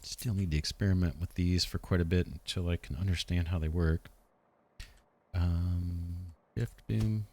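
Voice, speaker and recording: A man hosting a let's play, thinking aloud in an unhurried way and asking himself questions as he plans. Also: low voice, steady tone, a little mellow, a little hiss or hum. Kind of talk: thinking aloud while playing a strategy game.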